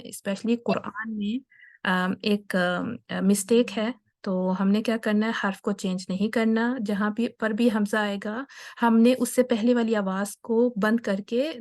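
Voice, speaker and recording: A young woman teaches tajweed in an online class, with a voice of middle pitch. She explains step by step and patiently, slipping English terms into her talk. She sounds out letters slowly so learners can copy them. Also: a little mellow. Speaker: Quran recitation teacher.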